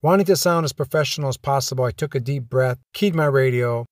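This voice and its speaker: A male podcast host tells his own story of police work in a wry, dryly humorous way. His voice sits in a middle pitch. It is recorded close to the mic with no room sound. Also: quick pace, dry recording. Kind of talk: first-person storytelling podcast.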